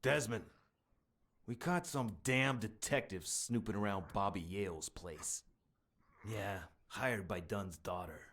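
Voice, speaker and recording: A man's voice: lowish voice, fairly bright tone, full character voice. A man voicing a menacing, mocking henchman who bosses thugs around in a noir crime game. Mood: businesslike.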